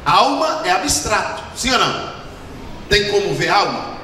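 A Brazilian man preaching a sermon with fervor, swinging from low murmurs to shouted peaks. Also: big pitch swings, unhurried. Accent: Brazilian Portuguese. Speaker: pastor. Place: large church hall. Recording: echoey hall, distant mic, background noise.

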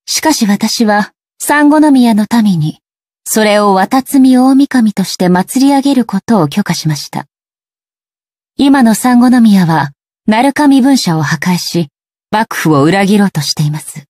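An actress voicing a stern, ageless female shogun deity in a video game, speaking in a formal, measured, detached way. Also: mid-range voice, expressive, darkish tone, no echo, studio quality. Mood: solemn. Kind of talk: scripted video game character voice lines.

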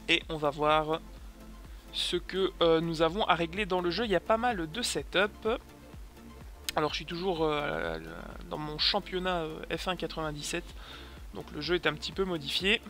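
A man's voice: a little high, bright, forceful tone. A man from France giving a casual sim racing tutorial voice-over, hesitant and full of fillers. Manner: hesitant, many fillers, chatty.

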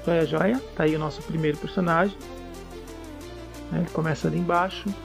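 A man talks through a coding tutorial in a relaxed, step-by-step way, often checking in with the listener. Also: fairly high pitch, brisk, creaky, music in the background. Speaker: programming tutor. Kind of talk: casual screencast coding tutorial.

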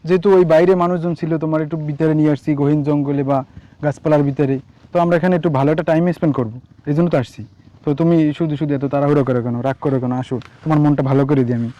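A man playing a smooth-talking coaxing lover. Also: a little high, steady tone, rapid-fire, warm tone, highs cut off, lightly acted. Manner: coaxing, wheedling. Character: smooth-talking young man luring his girlfriend. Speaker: actor in a short amateur drama. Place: outdoors among trees.

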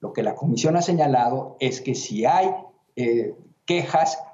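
A man giving measured, official answers in an interview, often pausing with hesitations. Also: medium pitch, animated, mellow. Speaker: interviewee, human rights commission president. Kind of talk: formal remote interview answers. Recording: roomy, dull remote line.

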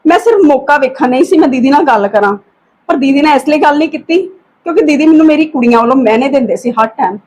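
High-voiced woman, calm and pleading. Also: quick pace. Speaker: aunt in a family skit. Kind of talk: acted family drama dialogue.

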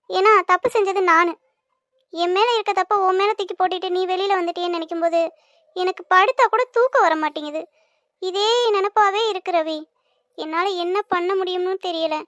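Performer doing a cartoon young woman, very high voice, pleading, apologetic, dry close sound. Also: brisk, fairly bright tone, no echo. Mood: remorseful. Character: remorseful young woman, rich family's daughter. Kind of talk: cartoon voice acting.

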